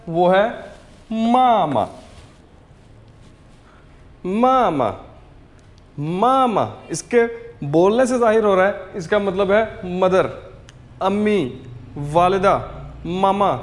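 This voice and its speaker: High-voiced man drilling words slowly. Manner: patient, drills words over and over. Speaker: language teacher. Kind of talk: slow repetitive language lesson.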